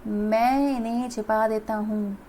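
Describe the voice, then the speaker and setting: A woman's voice: on the high side, steady tone, slow, dark tone, slight background noise. A woman voicing a boy named Koko, who is fond of food and fretful about hiding his rice rotis. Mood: flustered.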